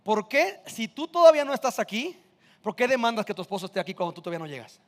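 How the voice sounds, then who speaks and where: A man's voice: high voice, big pitch swings, fast talker, long reverb tail. A man, preaching a sermon in a casual, conversational way full of rhetorical questions. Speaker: pastor.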